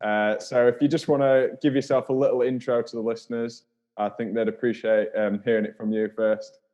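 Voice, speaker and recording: A man's voice: mid-range voice, little pitch movement, fairly quick, dark tone, muffled recording. A man hosting a podcast, talking in a friendly, chatty way and laughing easily. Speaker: podcast host. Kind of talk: casual interview.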